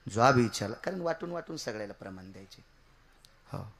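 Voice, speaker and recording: A man preaching a devotional kirtan sermon, swinging from loud shouts to low murmurs and repeating key words for emphasis. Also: expressive, fairly quick, crowd noise.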